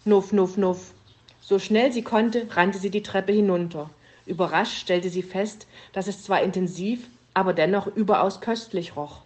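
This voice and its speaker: A woman narrating a children's story with an expressive reading manner. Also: mid-range voice, normal speed.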